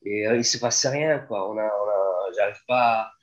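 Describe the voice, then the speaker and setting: A man who works as a sound engineer, chatting as a guest over a video call in a halting way, with many fillers. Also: lowish voice, highs cut off.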